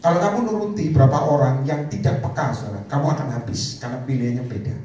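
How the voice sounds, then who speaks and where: Animated male preacher in an echoey hall. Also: mid-range voice, quick pace. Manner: animated, calls out to the congregation for responses. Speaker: evangelist preacher. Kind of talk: sermon. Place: church prayer meeting hall. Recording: echoey hall, distant mic, faint noise.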